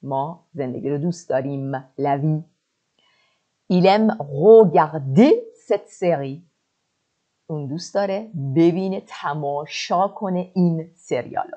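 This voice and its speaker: A woman teaching a French lesson online, drilling verb forms slowly and explaining quickly between them. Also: low voice, warm tone. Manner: slow deliberate French drills, quick asides.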